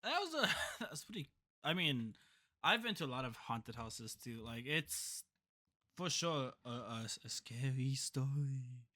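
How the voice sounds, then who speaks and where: A man's voice: mid-range voice, lively intonation, a little slow, sharp tone. A man co-hosting a podcast, chatting casually and laughing often. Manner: laughs often, brief reactions. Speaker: podcast co-host. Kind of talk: casual chat.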